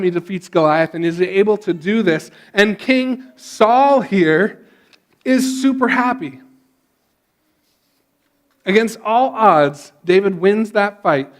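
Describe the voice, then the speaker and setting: A male pastor retelling a story in a casual sermon, with frequent restarts and a relaxed way of talking. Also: high-pitched.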